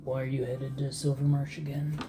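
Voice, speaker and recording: A man's voice: mid-range voice, little pitch movement, a little fast, noisy background. A man playing at a tabletop game, chatting and bantering casually. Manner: bantering, chuckling often. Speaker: player. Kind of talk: casual tabletop role-play chat.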